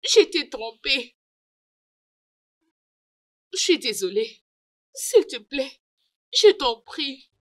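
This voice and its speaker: A woman's voice: sits high, very animated, extremely slow, long pauses, full character voice. A woman dubbing a proud wife who begs her husband for forgiveness, pleading and sobbing, in a French-dubbed film.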